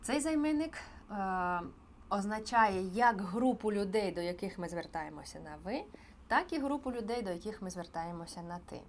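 A woman teaching an online beginner language lesson, explaining clearly and patiently with frequent pauses. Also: medium pitch, lively intonation, a little hiss or hum. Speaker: Spanish teacher.

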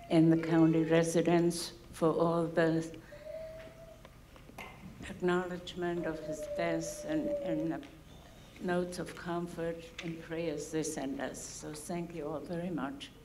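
A woman speaking for the family of the deceased, giving brief thank-you remarks in a soft, measured way. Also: sits low, level tone, background noise.

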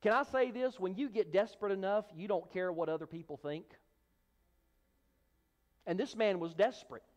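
A man's voice: sits high, normal speed, pauses often, big-room sound. A man preaching a sermon as pastor, emphatic, acting out voices of a crowd. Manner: emphatic preaching, acts out the crowd's hushing in a raised voice. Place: church sanctuary.

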